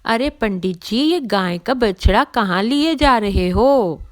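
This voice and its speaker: A woman's voice: fairly high pitch, expressive, takes it slowly. A woman voicing a sneering male swindler in an audio story, mocking with feigned surprise.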